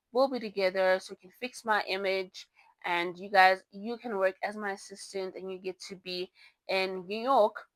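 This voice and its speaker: A book reviewer with her own channel, this young woman is not a native English speaker. She rambles chattily through her selections, correcting herself and giggling along the way. Her medium-pitched voice is a bit bright, and the audio is poor, though it carries no room sound.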